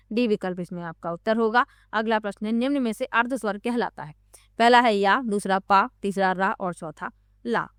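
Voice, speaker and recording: A woman's voice: medium pitch, fairly bright tone, smooth, no room sound, clean studio sound. A woman teacher going through exam questions one by one, reading out the options and then explaining the right answer.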